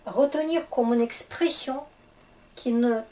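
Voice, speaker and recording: Slow, patient woman teaching a language. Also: a little high, dark tone, poor audio. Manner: slow, patient explaining with frequent hesitations. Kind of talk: explaining grammar to French learners.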